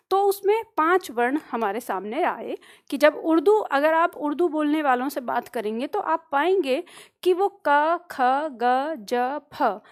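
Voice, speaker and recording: Teacher lady, pretty high voice, explaining letters and asking the class first or second. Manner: quizzes students with pronunciation choices; explains at a board with pointing words. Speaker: Hindi teacher. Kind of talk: classroom lecture.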